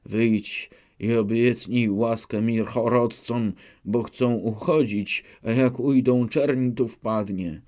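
A man's voice: mid-range voice, steady tone, slow pace, few pauses, a little mellow, natural voice. A man voicing an anxious old cossack servant, out of breath, urging in a rustic dialect. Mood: urgent. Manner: urgent, speaking in rustic dialect.

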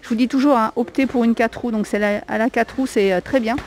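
A woman with a young child vlogs a casual tour of a discount store, holding the camera herself and hesitantly reciting prices in non-native-accented French with lots of fillers. She speaks quickly in a steady, slightly mellow voice on the high side. Audio is poor, with slight background noise.

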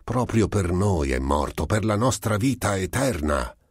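An earnest old village priest argues his faith brusquely and fervently, lifted above the low voice of the man reading. He sounds flustered but keeps pressing his point. The sound is dry and close. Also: very animated, unhurried, dry recording, full character voice.

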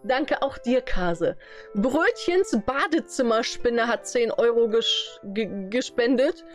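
A woman's voice: fairly high pitch, animated, slow pace. A woman presenting a livestream in casual chat, with faint music behind her. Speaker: charity stream presenter.

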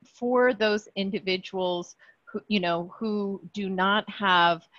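A woman giving a measured public comment on a video call, with some fillers. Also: medium pitch, fairly bright tone, no room sound. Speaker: public commenter for a behavioral health association. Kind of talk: public comment at a virtual meeting. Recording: dull dry call audio.

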